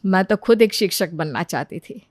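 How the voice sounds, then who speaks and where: A woman voicing a stern, sharp-tongued middle-aged mother-in-law in a cartoon story, with a commanding, scolding manner. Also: lowish voice, lively intonation, moderate pace, dry recording, clean studio sound. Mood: gentle.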